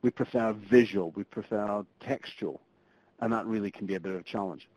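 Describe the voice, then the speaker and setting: Briskly and in a fairly low, slightly mellow voice, a Scottish middle-aged presenter gives a live online training session. He's conversational, often using fillers and restarting sentences. The dry recording comes through as muffled web conference audio.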